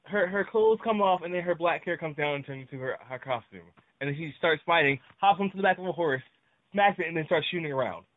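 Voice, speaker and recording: A young man talking games late at night, excitable and full of repeated words when he argues back. His voice sits slightly high. The sound is narrow like a phone line and completely dry. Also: quick pace, dry recording. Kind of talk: casual late-night chat about games and shows.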